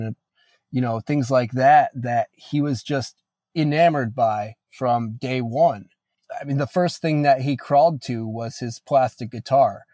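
An earnest man in his late twenties talks as a guest in a casual interview, reflective and full of "you know" fillers. His voice sits at a middle pitch, and the recording is dry and close. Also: dark tone, dry recording. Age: late 20s. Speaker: guest musician.

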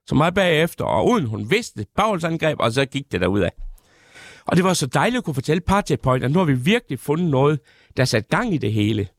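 A middle-aged male stand-up comedian telling absurd stories in a deadpan manner, on a radio show. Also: fairly high pitch, dry recording, clean studio sound. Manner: deadpan storytelling with absurd punchlines.

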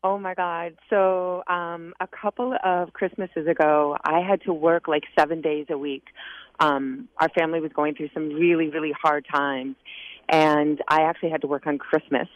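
A woman's voice: deep voice, fairly even intonation, normal speed, no echo. A woman calling in to a radio show, telling a personal story, emotional and choked up at times. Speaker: caller. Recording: tinny phone line, dry.

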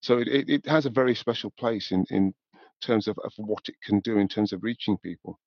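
This older man talks in a thoughtful, measured way as a podcast guest, his voice lowish and the sound lo-fi with no echo. Born in Newcastle and from the north of England, he's in his seventies and works in the music industry. His reflective interview answers are sprinkled with repeated "you know".

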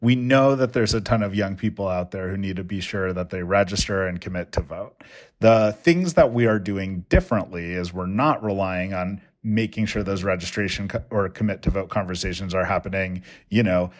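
A man who organizes young voters, giving earnest, energetic answers in an interview. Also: deep voice, normal speed.

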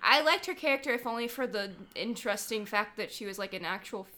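A woman's voice: medium pitch, lively intonation, quick pace, sharp tone. A woman co-hosting a casual film podcast, blunt and teasing in her opinions.

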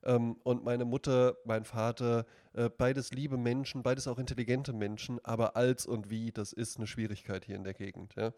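A man from central Hesse co-hosting a casual podcast chat, chatty and quick to laugh, explaining grammar rules at length. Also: mid-range voice, level tone, a little mellow, no room sound, studio quality. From central Hesse, Germany. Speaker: podcast co-host.

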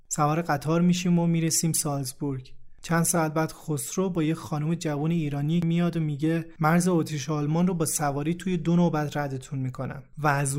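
A man narrating a first-person memoir in a steady, reflective way. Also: on the high side. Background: faint background music.

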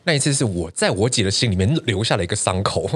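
A man, co-hosting a casual podcast and telling animated stories with plenty of swearing and loud laughs. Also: lowish voice, quick pace, crowd noise. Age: 30s. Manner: animated storytelling, swears often, big laughs. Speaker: podcast co-host.

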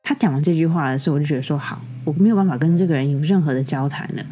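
Young taiwanese-accented woman venting a story, lowish husky mellow voice, faint music under it. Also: very fast. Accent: Taiwanese Mandarin. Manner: exasperated, animated retelling with quoted dialogue. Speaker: podcast host. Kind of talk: casual storytelling monologue. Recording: soft music bed behind. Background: faint background music.

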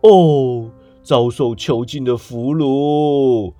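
A man voicing a grieving, chained male ghost who speaks slowly and heavily in a storybook reading. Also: fairly low pitch, mellow, faint music behind. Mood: lamenting. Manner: slow, drawn-out, heavy delivery.

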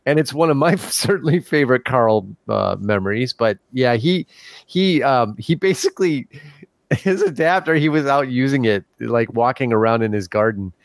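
A man's voice: medium pitch, expressive, normal speed, no room sound. A man hosting a podcast in casual chat, telling stories with frequent laughs and fillers. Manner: chatty storyteller, laughs often, many fillers. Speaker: podcast host.

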